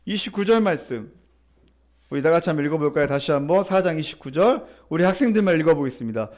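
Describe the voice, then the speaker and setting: Pastor guy preaching, high voice, keeps repeating himself for emphasis, gets folks to read along. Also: lively intonation, fast, a little mellow. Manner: preaching with emphatic repetition and leading the congregation in reading. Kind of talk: sermon. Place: church sanctuary.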